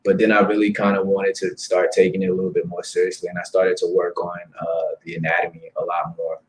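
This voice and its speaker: A man in his thirties talking as a guest in a casual interview, relaxed and friendly and quick to laugh. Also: sits low, rough recording. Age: 30s. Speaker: guest comic creator.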